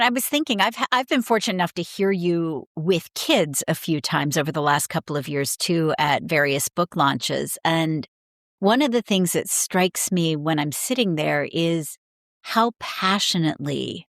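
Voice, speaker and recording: A woman's voice: deep voice, dry recording, studio quality. A woman hosting an interview, enthusiastic and affirming as she asks her guest questions. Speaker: podcast host. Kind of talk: conversational interview.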